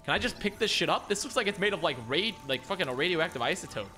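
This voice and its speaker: A young man streaming a game, excitable and constantly swearing and exclaiming. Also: sits high, fast talker, loud music behind the voice. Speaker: gaming streamer. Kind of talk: casual game commentary.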